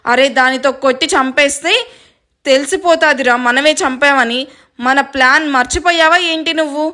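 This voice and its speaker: Lady doing rough thug guys, threatening and gruff, still high-ish, audio story. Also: moderate pace, bright, forceful tone. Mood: menacing. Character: rough male hired thugs, menacing.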